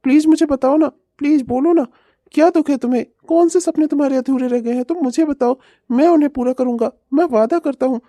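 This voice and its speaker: A woman's voice: high voice, fairly quick, mellow, no echo, lightly acted. A woman voicing an eager, loving young man in a cartoon, talking earnestly and pleading. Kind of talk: cartoon voice acting.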